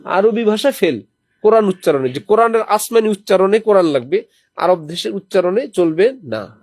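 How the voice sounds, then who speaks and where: Staying at lodging during a visit to a holy city, a man preaches to a small gathering, reciting Quranic verses as teaching examples and posing questions to his listeners. His high, darkish voice has lively intonation at a moderate pace, captured in dry, studio-quality audio.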